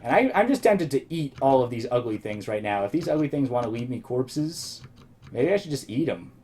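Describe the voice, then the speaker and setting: A man's voice: medium pitch, very animated, brisk, dark tone, slight background noise. Rambling man narrating his gameplay. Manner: thinking aloud, rambling with restarts. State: slightly losing his voice. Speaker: let's play host. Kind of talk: casual gameplay commentary.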